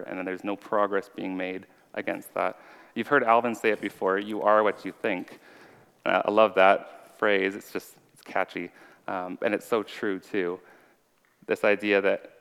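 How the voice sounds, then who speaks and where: With a fairly low, gravelly voice that's clean and fairly bright, a man delivers an earnest sermon in a conversational style, including his personal testimony. He preaches informally with a slight stutter, in a large hall full of reverb.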